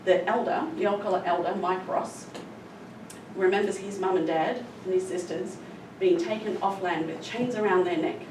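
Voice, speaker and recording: Lowish-voiced woman presenting in an echoey room. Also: fairly even intonation, normal speed. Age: middle-aged. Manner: earnest, emphatic with stressed adverbs. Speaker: conservation scientist presenting. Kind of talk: public presentation, explanatory storytelling. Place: echoey room, recorded from a distance. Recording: roomy echo, distant mic, clear background noise.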